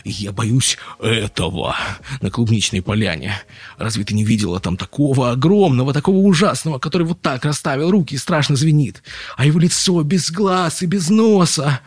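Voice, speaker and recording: Man voicing a fearful storybook fox cub, whiny, husky and a bit raspy. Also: mid-range voice, animated, moderate pace, dry recording, pitched above the performer's own voice. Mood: scared. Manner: whiny, stammering. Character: hungry young male fox, whiny and fearful. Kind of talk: audiobook storytelling.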